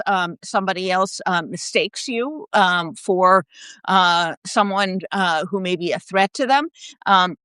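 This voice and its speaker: A woman hosting an interview, firm and measured in her questions. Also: mid-range voice, a bit bright, no echo. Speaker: host.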